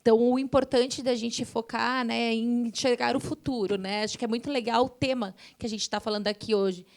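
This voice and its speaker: A Brazilian-accented woman, speaking as a forum panelist, explains environmental science in a brisk, steady voice on the high side. She keeps tacking little tag questions onto her sentences.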